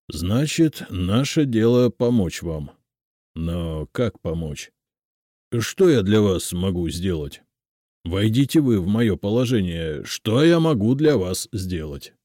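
A man reading an audiobook and voicing a fussy, self-important male school director who speaks loudly and fretfully. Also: fairly low pitch, no echo, clean studio sound. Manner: loud, declamatory, fretful.

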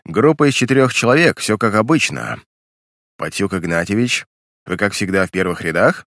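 A man's voice: on the low side, sing-song, normal speed, fairly bright tone, dry recording, studio quality. A man doing a mocking sadistic commander. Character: cruel, power-drunk male commander.

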